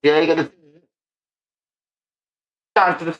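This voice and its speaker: A forty-something man, high-pitched for a man, ranting on a livestream. He swears freely and breaks into laughter as he talks. The sound bounces around an echoey room. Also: steady tone, lo-fi sound. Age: 40s. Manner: profane, ranting, quick to laugh. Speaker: streamer. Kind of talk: livestream rant.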